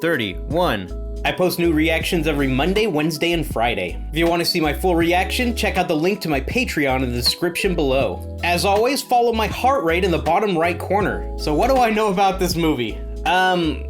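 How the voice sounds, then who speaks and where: A man's voice: a little high, very animated, moderate pace, faint music behind. A man chatting casually as he hosts a movie reaction video, amused with himself and full of hesitant fillers.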